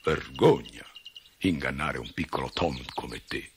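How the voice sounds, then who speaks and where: A man voicing a huge, lonely male giant who speaks slowly and calmly. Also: rumbling low, slight background noise, pitched below the performer's own voice. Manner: slow and calm.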